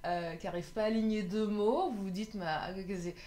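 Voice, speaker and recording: A woman's voice: medium pitch, fairly even intonation, a little fast, dark tone. A woman doing a casual love tarot reading, chatty and often laughing, sometimes tripping over her words. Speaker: tarot card reader.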